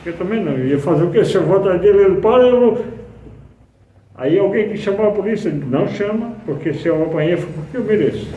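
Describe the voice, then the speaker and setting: A man's voice: high-pitched, expressive, fast, warm tone, lo-fi sound, a little hiss or hum. A middle-aged man giving a spiritist talk, earnestly telling personal anecdotes with frequent restarts. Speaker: speaker at a spiritist center. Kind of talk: spiritist talk, sermon-like storytelling. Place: hall of a spiritist center. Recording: echoey hall, distant mic, faint ambience.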